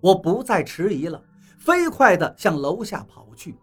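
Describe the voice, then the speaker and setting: Lady reading a novel out loud, husky, lively pitch, faint music underneath. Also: normal speed. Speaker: audiobook narrator. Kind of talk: novel narration.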